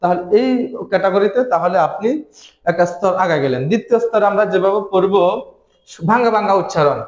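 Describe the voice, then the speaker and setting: A man teaching a reading lesson, patiently spelling out syllables one by one in a steady chant. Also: sits high, fast, roomy sound, low-quality recording.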